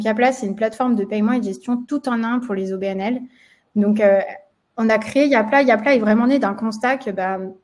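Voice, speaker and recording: A woman's voice: fairly high pitch, darkish tone. Hesitant French woman hosting a webinar. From France. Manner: many fillers, hesitant restarts. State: slight frog in the throat. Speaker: webinar host, marketing manager. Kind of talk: live webinar presentation.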